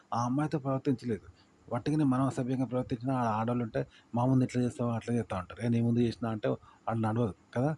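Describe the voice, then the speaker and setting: Man rattling off youtube tips, quick and mellow, keeps repeating himself, faint hiss behind. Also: mid-range voice. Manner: rambling, repeats points, asks listener "see?". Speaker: YouTube creator giving tips. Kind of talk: casual explanatory talk.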